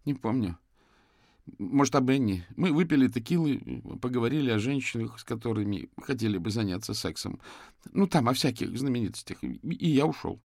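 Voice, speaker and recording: A man's voice: mid-range voice, expressive, fairly quick, gravelly, darkish tone, no room sound, pitched above the performer's own voice. A man voicing a frightened young man under police questioning, stammering, shaky and close to tears. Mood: tearful.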